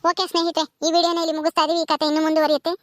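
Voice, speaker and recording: A woman's voice: extremely high pitch, level tone, racing, no echo, studio quality. A woman host signing off a video and asking viewers to like, share and subscribe. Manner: friendly, direct appeal to viewers. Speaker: channel host. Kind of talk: video sign-off.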